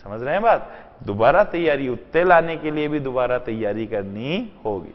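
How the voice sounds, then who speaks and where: A man's voice: mid-range voice, lively intonation, moderate pace. A man teaching an exam-prep lesson, asking rhetorical questions and answering them himself, mixing in English terms. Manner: mixes in English terms and sentences. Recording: dull lo-fi sound in a long-reverb room.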